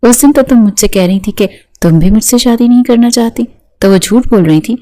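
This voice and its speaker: A woman's voice: fairly high pitch, mellow, close to an everyday voice. A woman voicing a harsh, threatening young husband. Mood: angry. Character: angry, spiteful young husband, man.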